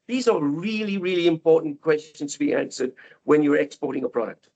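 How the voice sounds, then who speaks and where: A man explaining things in a panel discussion, haltingly, often repeating words as he stresses his points. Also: a little high, animated, vocal fry, darkish tone. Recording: dull, muffled lo-fi sound.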